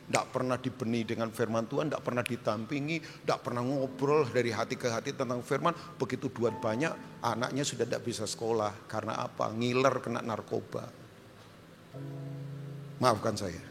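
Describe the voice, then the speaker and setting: Animated pastor preaching in a reverberant hall. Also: male voice, mid-range voice, gravelly, noisy background. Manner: animated preaching with jokes, swings from loud shouts to quiet. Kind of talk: sermon.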